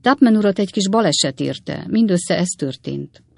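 A woman voicing a blunt, gruff old country host and father in a storybook reading. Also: on the low side, expressive, voice pushed up. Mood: reassuring. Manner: brusque.

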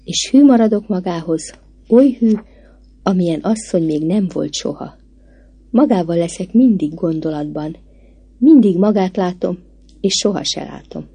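A woman voicing a poor young wife who speaks softly and gently, in a storybook reading. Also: lowish voice, animated, husky, no echo. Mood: devoted. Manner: soft, gentle speech.

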